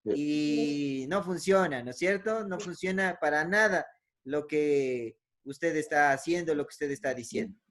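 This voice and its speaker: Man, fairly high voice, conversational teaching talk, fillers, tag questions. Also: a little slow, fairly bright tone. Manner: ends many phrases with a questioning "¿no?"; frequent "eh" fillers and self-corrections. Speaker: speaker giving a talk on emotions.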